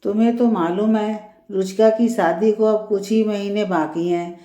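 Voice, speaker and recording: A nagging, sharp-tongued older mother-in-law, as a woman reading a story puts her on. She speaks slowly, in a mellow, soft-edged voice. The room echoes around her. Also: medium pitch, steady tone, close to an everyday voice. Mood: irritated. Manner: complaining, taunting.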